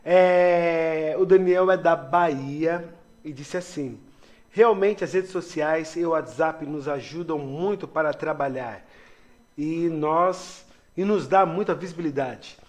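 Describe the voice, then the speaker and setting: A man's voice: a little high, slow. A man co-hosting a radio show, reading out listener messages and chatting in a friendly way. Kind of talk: casual radio chat.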